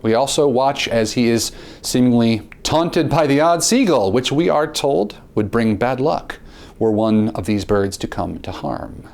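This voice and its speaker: A man reads a scripted film review with theatrical flair. His pitch leaps and swoops all over, and he slows right down to stress key words. His voice sits at a middle pitch. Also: expressive, vocal fry, a little mellow. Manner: theatrical, with dramatic pitch swings and slowed emphasis; repeats words at the start of phrases.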